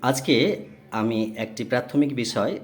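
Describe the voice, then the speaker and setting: A man's voice: mid-range voice, measured pace, a little hiss or hum. A male tutor giving a patient lesson, repeating words and breaking them into parts as he explains. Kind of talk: slow, explanatory classroom lesson.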